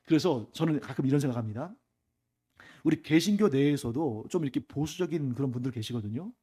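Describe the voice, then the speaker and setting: A man's voice: mid-range voice, animated, a little fast, dark tone, husky. A male pastor giving a Sunday afternoon sermon in a church, talking conversationally and often putting questions to the congregation. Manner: conversational preaching with frequent rhetorical questions to the congregation. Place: church sanctuary.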